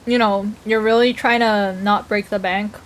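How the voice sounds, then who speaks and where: A woman's voice: medium pitch, steady tone, normal speed. A woman livestreamer chatting casually, reacting to chat messages and talking while she eats.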